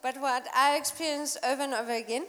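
A woman's voice: sits high, steady tone, quick pace, pushed and bright. A woman interpreting live at a church gathering, often hesitating and searching for the right words. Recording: echoey hall with long reverb.

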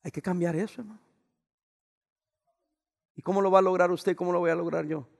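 A pastor preaches a sermon to his congregation. He raises his voice and then drops to soft, quiet words. His voice sits high with a gravelly rasp, and a long church-hall reverb trails every phrase. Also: steady tone, fairly quick.

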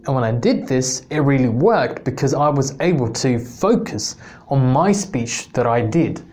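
A man's voice: medium pitch, expressive, a little slow, darkish tone. A man from England telling a personal story on his podcast in a casual, rambling way, with many restarts. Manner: rambling, many restarts, self-mocking laughs. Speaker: podcast host.

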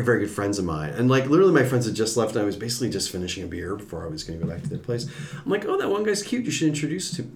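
A man, a podcast guest, telling a story in casual talk and acting out the people he quotes. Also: lowish voice. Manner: animated, acts out quoted voices. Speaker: podcast guest, former TV executive.

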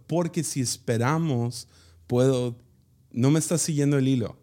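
A man, chatting casually on a podcast. His voice sits in a middle pitch. He talks in a dry, self-mocking way. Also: moderate pace, warm tone. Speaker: podcast co-host. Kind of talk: casual chat.

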